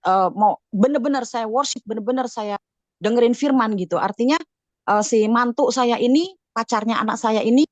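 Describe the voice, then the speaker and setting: A middle-aged church member gives a casual spoken testimony at a prayer meeting, chatty and full of fillers, restarts, and self-corrections. Her voice runs on the high side, a little fast, with a darkish tone. The recording is dry and low-quality.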